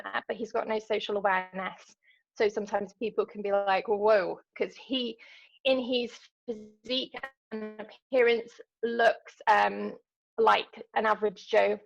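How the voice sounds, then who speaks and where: A woman's voice: medium pitch, vocal fry, rough recording. A woman from London, a podcast guest talking casually and hesitantly, with lots of ums and restarts. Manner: hesitant, many ums and restarts, laughs easily. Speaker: podcast guest, ultra runner. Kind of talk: casual interview chat.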